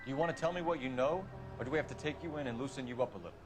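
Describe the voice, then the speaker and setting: An actor playing a brisk, stern 1940s American police detective in a crime video game, with clipped procedural delivery. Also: male voice, medium pitch, music in the background, close to an everyday voice. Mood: stern, accusing. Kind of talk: dramatic video game acting, period crime drama.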